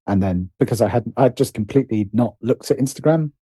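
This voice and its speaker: The voice is mid-range, mellow and breathy-edged, a little fast, with no room sound. It belongs to a middle-aged man, a writer and producer appearing as a podcast guest, who keeps restarting his sentences and correcting himself hesitantly in a casual interview conversation.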